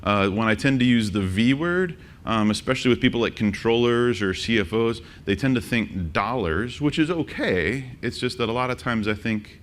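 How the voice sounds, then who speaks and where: A man presenting a conference workshop, joking and quizzing the audience with quick questions. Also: medium pitch, expressive, slight background noise. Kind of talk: interactive conference talk. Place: conference session room.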